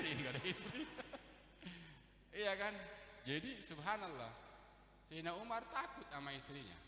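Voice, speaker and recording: A man's voice: fairly high pitch, sharp tone. A man giving a humorous sermon, teasing and quizzing the audience. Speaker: preacher. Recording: echoey hall.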